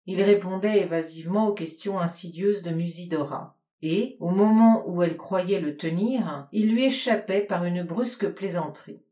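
A woman's voice: on the low side, normal speed, warm tone. Woman narrating a novel in an echoey room. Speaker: audiobook reader. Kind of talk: literary audiobook narration.

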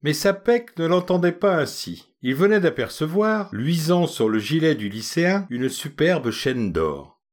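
A man's voice: a little high, sing-song, a little slow. Man narrating a humorous tale. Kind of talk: scripted narration of a humorous short story.

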